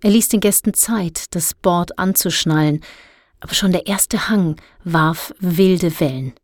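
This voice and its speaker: A woman narrating a youth novel audiobook in an even, clear storytelling manner. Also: on the low side, unhurried, dry recording, clean studio sound.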